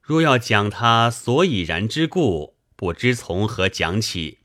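A man doing a lower, lecturing old sailor. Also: sing-song, slow, a bit bright, heavily acted. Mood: wry. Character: elderly seasoned sailor, learned and teasing.

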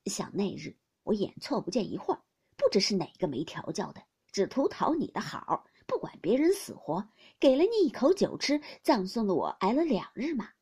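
A woman voicing a fussy, grumbling old female wet nurse who complains loudly and sounds aggrieved, in a storybook reading. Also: medium pitch, sing-song, moderate pace, breathy edge.

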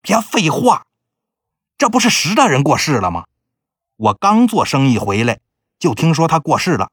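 A man's voice: fairly high pitch, a bit bright, dry recording, studio quality. Man doing an earnest raised-voice merchant. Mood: urgent. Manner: urgent, sincere. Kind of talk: storytelling with character voices.

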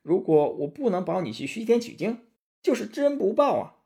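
A man voicing a cocky, loyal monkey king hero in a raised, lively storybook voice. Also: a little fast. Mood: pleading. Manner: brash and excitable, high-pitched.

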